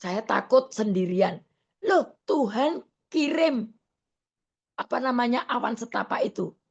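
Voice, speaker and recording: A woman evangelist preaching a sermon over an online video call, earnest and slow, often stopping on fillers and correcting herself. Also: on the high side, expressive, creaky, breathy edge, highs cut off.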